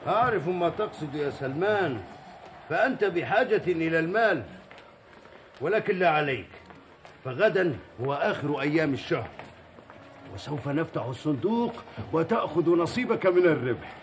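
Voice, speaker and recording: Casting: man as middle-aged market butcher, assured schemer, lively higher voice, declamatory period TV drama. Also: moderate pace, a little hiss or hum, lightly acted. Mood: reassuring. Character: assured butcher and business partner, persuasive, scheming planner. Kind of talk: theatrical historical TV acting in formal Arabic.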